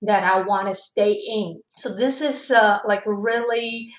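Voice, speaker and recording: A young woman from China speaks English with a Chinese accent. She tells her own story as a graduate student, pausing and restarting words as she goes. Her voice is at an ordinary pitch for a woman. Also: fairly even intonation, poor audio. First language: Mandarin Chinese. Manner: halting, with frequent restarts and self-corrections. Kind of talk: personal storytelling.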